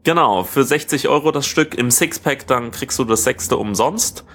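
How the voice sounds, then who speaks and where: Man chatting on a tech podcast, halting delivery. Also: mid-range voice, fairly bright tone, slight background noise. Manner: rambling, halting, self-correcting. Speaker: podcast co-host. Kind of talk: casual tech podcast chat. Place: living room.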